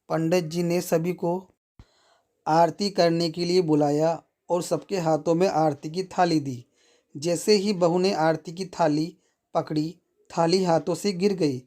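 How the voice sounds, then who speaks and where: A man narrating a moral story in a slow, even storytelling manner. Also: on the high side.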